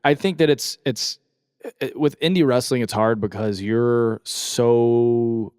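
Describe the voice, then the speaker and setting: A man who wrestles, joking around in a relaxed podcast chat. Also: medium pitch, slow pace, clean tone, dry recording, clean studio sound. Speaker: wrestler guest. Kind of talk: casual chat.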